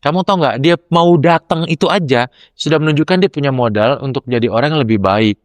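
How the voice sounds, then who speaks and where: Young man, lecturer spinning anecdotes, high-ish smooth voice, punchy quoted voices. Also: a little fast, no echo. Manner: animated, acts out quotes with rising pitch. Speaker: lecturer and podcast guest. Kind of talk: casual storytelling chat.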